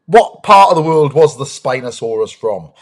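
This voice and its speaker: Eager and talkative, this UK host, a dinosaur ranger, welcomes young viewers to his live stream with lots of ums. His voice runs high and expressive at a normal speed.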